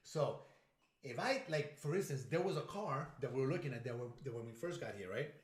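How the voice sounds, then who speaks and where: Animated man in a roomy echo. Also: medium pitch, brisk. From United States. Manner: animated storyteller, acts out quotes. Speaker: podcast co-host. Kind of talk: casual chat.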